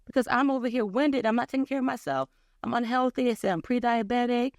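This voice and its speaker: A woman sharing her personal story of faith and health as an interview guest, telling it in an animated, faith-filled way. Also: a little high, quick pace, no room sound, clean studio sound. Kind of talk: personal testimony in casual chat.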